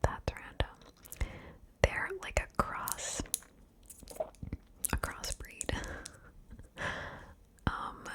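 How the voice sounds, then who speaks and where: Slow whispering woman, ASMR. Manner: soft unvoiced whisper, chatty and playful. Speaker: ASMR creator. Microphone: binaural mic, left and right ear.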